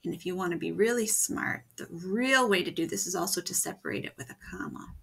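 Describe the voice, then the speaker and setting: A woman teacher giving a video writing lesson for children, explaining slowly and patiently step by step. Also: on the low side, vocal fry, fairly bright tone, slightly rough.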